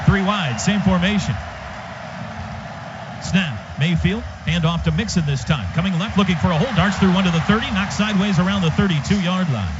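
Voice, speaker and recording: A man with a high voice gives live radio play-by-play of a football game, calling the action in short, urgent bursts. He sounds animated at a moderate pace, and the dull feed carries clear stadium ambience behind him.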